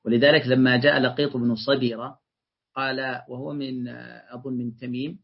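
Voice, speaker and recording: A man's voice: medium pitch, flat delivery, a little fast, vocal fry, husky. A man teaching a lesson on Quran interpretation, reading classical passages aloud and explaining them step by step while checking that his listeners follow. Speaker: teacher commenting on a tafsir text. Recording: dull lo-fi lecture recording.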